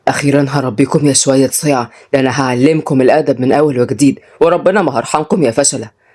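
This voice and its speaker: A woman's voice: extremely low pitch, rapid-fire, a little mellow, voice pushed down. Woman doing a stern older father. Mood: pleased. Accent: Egyptian Arabic. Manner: commanding, gruff.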